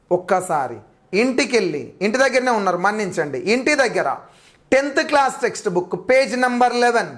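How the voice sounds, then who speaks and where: A man's voice: extremely high pitch, fairly bright tone. A man teaching English grammar for a teacher exam, repeating key terms emphatically as he drills them. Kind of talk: exam-prep grammar lecture.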